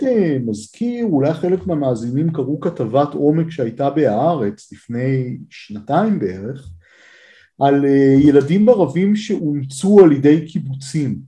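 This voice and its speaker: A man's voice: fairly high pitch, mellow. A man with an Israeli accent hosting a conversational interview, speaking in a reflective, articulate way. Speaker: podcast or radio host.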